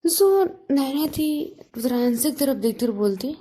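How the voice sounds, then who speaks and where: Mellow-voiced woman telling a story. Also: high-pitched, sing-song, normal speed. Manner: repetitive storytelling with fillers. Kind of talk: casual story narration.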